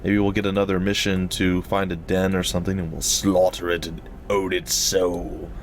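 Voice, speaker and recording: A man with a slightly wheezy, breathy-noisy voice giving casual, rambling, jokey commentary as host of a gaming let's play. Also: low voice, level tone, moderate pace. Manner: rambling, jokey, repeats phrases for effect.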